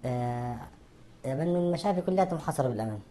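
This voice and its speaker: A man in his twenties giving recorded testimony in quick, clipped answers, his voice electronically disguised. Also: lively intonation, dark tone, slight background noise. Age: 20s. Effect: disguised voice, pitched very deep.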